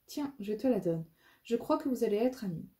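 A woman's voice: medium pitch, lively intonation, brisk, dark tone, distant mic, natural voice. A woman voicing an odd, kindly old man. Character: odd, generous older man.

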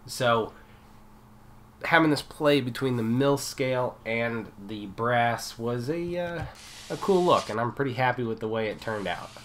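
A man's voice: medium pitch, measured pace, fairly bright tone, a little hiss or hum, rough recording. A man with a head cold and a nasal voice, casually narrating a metal fabrication build as the channel host, with fillers and restarts.

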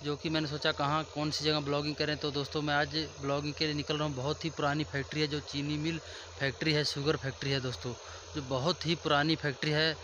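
A man's voice: on the high side, little pitch movement, fast talker. A man in his thirties with an Uttar Pradesh Hindi accent, filming a casual phone vlog outdoors and repeatedly addressing viewers as friends. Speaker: vlogger. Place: outdoors by sugarcane fields and a factory yard. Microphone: phone selfie at arm's length. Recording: noisy outdoor phone recording.

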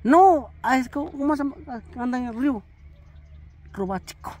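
A man from Oaxaca, answering questions in halting, repetitive murmurs during a casual chat. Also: extremely high pitch, lively intonation, a little mellow, no room sound. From Oaxaca, Mexico. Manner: halting, repeats himself, answers in short murmurs. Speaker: interviewee.

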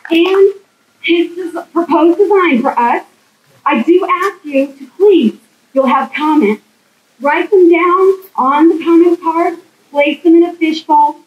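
A woman organizer giving a formal introduction to a crowd in an outdoor plaza, measured in manner. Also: extremely high pitch, a little mellow, echoey room, slight background noise, rough recording. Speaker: arts program organizer introducing the artist.

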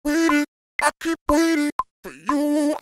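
A man's sung vocal, run through a formant shift so it sounds high and chopped, with harsh cuts at the word ends. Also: lively intonation, a little slow, dry recording, clean studio sound, faint music behind. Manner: sung in a repeated looped phrase. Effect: formant-shifted, pitched-up vocal chop. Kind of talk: short sung vocal sample.

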